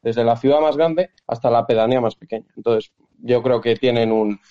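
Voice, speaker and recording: A man from Castile and León, a political candidate, speaking in a phone interview heard over a telephone line, measured and leaning on fillers and restarts. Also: medium pitch. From Castile and León, Spain.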